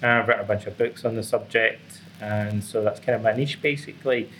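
As an interview guest, a Scottish author and psychotherapist in middle age explains his points in academically worded answers. He talks fairly quickly in a lowish, rather evenly pitched voice that sounds a bit bright, over distinctly noisy background ambience.

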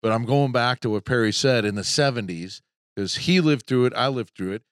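A man's voice: medium pitch, fairly quick, no echo, clean studio sound. Older American man, jumping in to tell stories. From United States. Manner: interjecting, ribbing storyteller. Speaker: guest. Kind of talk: casual chat.

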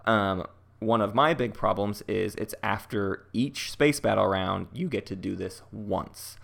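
A man's voice: fairly low pitch, gravelly, fairly bright tone. A man co-hosting a casual board game podcast, talking things through in a chatty, analytical way. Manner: chatty, analytical, quick to laugh. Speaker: podcast co-host.

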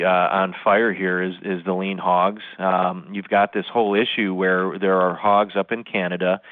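A man's voice: deep voice, no echo. A man giving market analysis over the phone in an interview, speaking analytically with many filler sounds. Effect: heard over the phone. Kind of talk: interview commentary. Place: phone call. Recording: tinny phone line, dry.

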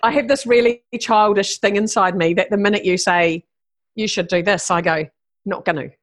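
A woman's voice: medium pitch, moderate pace. A woman in her fifties, talking as a guest in a casual interview, blunt and brash, swearing freely and laughing often. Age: 50s. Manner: driven and brash.

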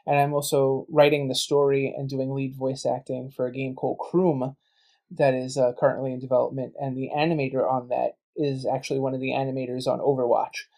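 A man's voice: medium pitch, flat delivery, a little fast, gravelly, dark tone. A man guesting on a podcast, chatting casually and telling stories full of quoted back-and-forth. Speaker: guest, game writer and voice actor.

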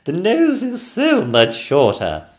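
Man doing a loud, haughty storybook queen. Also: high voice, huge pitch swings, slow, voice pushed up, exaggerated voice. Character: bossy, chatty middle-aged queen.

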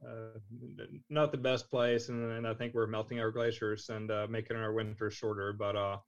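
A man in his thirties from Norway, a podcast guest chatting casually, talking in halting phrases with many fillers. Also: on the low side, little pitch movement. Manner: halting, lots of fillers and restarts. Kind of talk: casual chat. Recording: slightly dull lo-fi sound.

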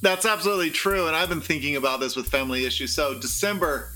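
A man's voice: on the high side, quick pace, sharp tone, soft background music. A man co-hosting a comics podcast, chatting casually and joking with friends. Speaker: podcast co-host. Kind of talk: casual chat.

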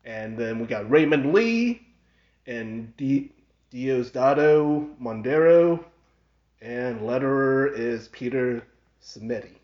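Speaking slowly in a mid-range, slightly mellow voice, this man co-hosts a casual podcast conversation. He's relaxed, chuckles often and lets sentences drift into fillers, and the podcast audio sounds dull and lo-fi.

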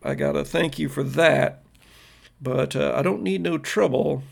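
A man's voice: a little high, unhurried, creaky, husky, full character voice. A man voicing a big, protective small-town sheriff who talks in a folksy, stern drawl.

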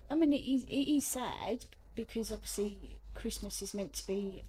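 Woman, medium pitch, plain-spoken and reflective, slight ambient noise. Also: moderate pace, mellow, rough recording. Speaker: hospice nurse. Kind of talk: informal interview answers. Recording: light ambient background noise.

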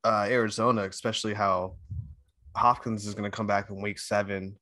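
Man, podcast co-host, bright tone, dry sound, hesitant and thinking aloud. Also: on the low side, little pitch movement, moderate pace, no room sound. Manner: hesitant, mulls picks aloud with hums and fillers. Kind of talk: casual sports chat.

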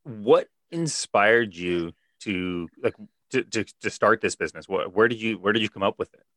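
Deep voiced guy hosting a podcast, stumbles and repeats words, dry sound. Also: animated, a bit bright, dry recording. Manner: halting, repeats words when asking. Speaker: podcast host. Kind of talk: interview questions.

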